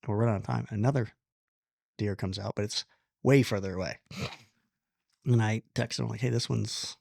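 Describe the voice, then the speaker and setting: A man telling a long personal story in casual conversation, animated, blunt and self-deprecating, with the odd curse word. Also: fairly low pitch, fairly quick, gravelly, no room sound, clean studio sound. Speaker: podcast guest.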